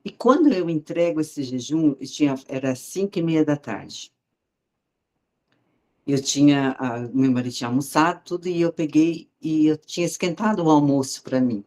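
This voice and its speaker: A woman's voice: low voice, moderate pace, dark tone. A woman, sharing a heartfelt personal faith testimony in a conversational, storytelling way and speaking directly to her listeners.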